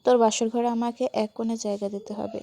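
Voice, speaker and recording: A woman voicing a cheeky young man who mocks and teases his friend in a playful, gravelly voice. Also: very high voice, little pitch movement, fairly quick, mellow. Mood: teasing. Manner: mocking, playful, teasing. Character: cheeky, teasing young man, brother-in-law.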